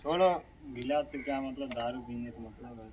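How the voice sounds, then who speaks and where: A man's voice: medium pitch, fairly even intonation, normal speed, a crowd in the background, lightly acted. A man playing a rustic town drunk with an eastern UP-Bihar Bhojpuri-region accent, rambling and repeating himself in an amateur village comedy skit. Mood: grumbling. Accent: eastern Uttar Pradesh or Bihar (Bhojpuri region). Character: rustic male town drunk, rambling and grumbling over his liquor. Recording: very noisy amateur recording with clicks.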